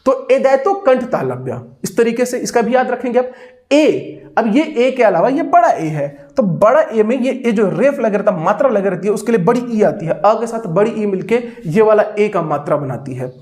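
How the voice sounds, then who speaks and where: A man's voice: high-pitched, animated, normal speed, darkish tone. A man teaching a classroom-style exam coaching lecture with energy, repeating phrases for students to chant along.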